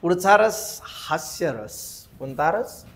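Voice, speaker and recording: Man with a Marathi accent, classroom teacher, slow unhurried delivery, slightly high voice, sing-song recitation with frequent laughter. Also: very animated, creaky. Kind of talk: classroom lecture.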